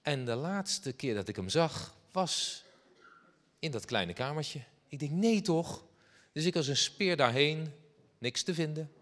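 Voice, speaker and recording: A man preaching, telling a personal story in a lively way and acting out the dialogue. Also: a little high, unhurried. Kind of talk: sermon anecdote. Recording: long hall reverb.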